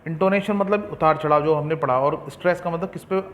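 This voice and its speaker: A man's voice: fairly high pitch, fast, a bit bright, slight background noise. Man teaching an exam-prep lesson.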